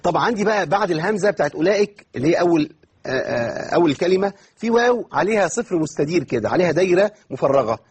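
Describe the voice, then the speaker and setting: A man with an Egyptian accent teaches Quran recitation in an online lesson. His voice is very husky and sits a little high, and he talks at a fast clip. He keeps asking questions and answering them himself, and he stretches words out slowly to demonstrate. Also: big pitch swings. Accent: Egyptian Arabic.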